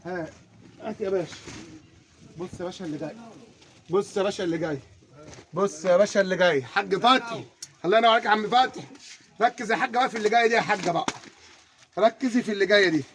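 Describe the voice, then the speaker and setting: A man with an Egyptian accent giving an energetic carpet sales pitch, repeatedly urging viewers to look. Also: rapid-fire, pauses often. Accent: Egyptian Arabic. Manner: repeats urgent calls to look, hawking patter. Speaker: carpet seller. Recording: noisy background.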